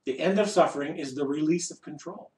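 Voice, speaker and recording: High-pitched man giving an echoey spiritual talk. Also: fairly quick. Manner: wry and playful, asks and answers rhetorical questions. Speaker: spiritual teacher leading a group satsang. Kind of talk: informal spiritual discourse to a group. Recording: echoey room, voice distant from mic.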